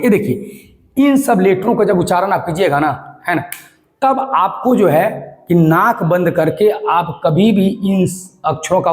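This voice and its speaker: A man teaching English grammar in a lesson, emphatic, answering his own questions and spelling letters aloud. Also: a little high. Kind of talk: classroom-style lesson.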